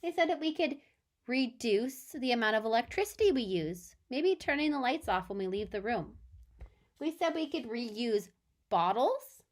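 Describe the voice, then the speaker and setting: An elementary school teacher, female and fairly high-pitched, gives a read-aloud lesson to small children. She is expressive and careful, putting questions to her listeners often.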